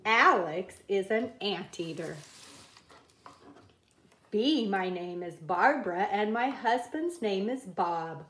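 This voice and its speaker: A woman reading a children's picture book aloud at a table, in a slow, careful read-aloud cadence. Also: medium pitch, lively intonation, fairly bright tone, echoey room. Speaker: reader. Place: indoors at a wooden table.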